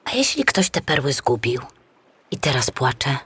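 A woman's voice: fairly low pitch, huge pitch swings, moderate pace, slightly rough, no echo, exaggerated voice. A woman voicing a cautious, skeptical friend who questions everything in a storybook. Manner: doubtful, questioning.

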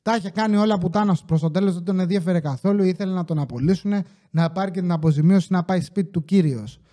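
Man, podcast host, casual comic storytelling, animated, swears a lot, high pitched, warm tone. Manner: animated, swears freely, acts out quotes from customers.

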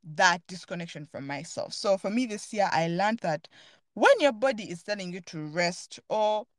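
A woman's voice: fairly low pitch, lively intonation, moderate pace, no echo. A woman hosting a podcast, talking earnestly and thoughtfully in a casual, reflective chat while searching for her words. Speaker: podcast host.

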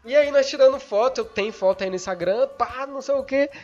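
A young man, hosting a podcast while stoned, rambling and excitable, swearing often and losing his thread. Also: extremely high pitch, fast, dull audio, soft background music. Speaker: podcast host. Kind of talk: casual rambling storytelling.

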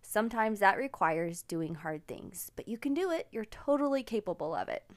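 A woman's voice: medium pitch, animated, normal speed. Middle-aged woman hosting a motivational podcast, upbeat and encouraging, chatty personal stories. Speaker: podcast host. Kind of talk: casual personal storytelling.

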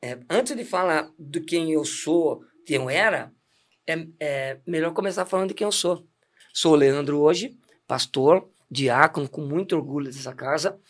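High-voiced chatty man. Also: a little slow. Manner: chatty, laughing storyteller with many restarts. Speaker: deacon giving testimony. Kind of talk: casual testimony chat.

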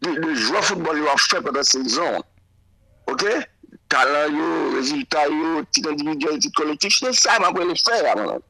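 Dude on sports radio, really bright sharp voice, kinda hesitant, repeats himself while explaining. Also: male voice, on the high side, animated, normal speed, gravelly, poor audio.

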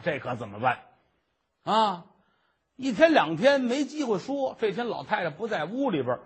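Male storyteller, husky and animated. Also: high-pitched. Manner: animated, chatty. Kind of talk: traditional oral storytelling.

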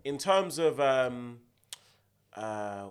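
A man's voice: medium pitch, lively intonation, extremely slow, clean tone. A young man with a London roadman accent, bantering casually in slang and repeating phrases for emphasis. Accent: London roadman, urban multicultural London slang. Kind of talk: casual banter between friends.

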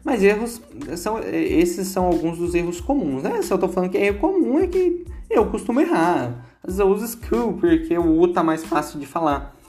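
A man's voice: high voice, lively intonation, normal speed, hardly any pauses, a little mellow, soft background music. A man with a Brazilian accent giving a casual English lesson, chatty and repeating words aloud to show how they sound. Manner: chatty, repeats words to demonstrate pronunciation, asks "entendeu?". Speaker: English teacher.

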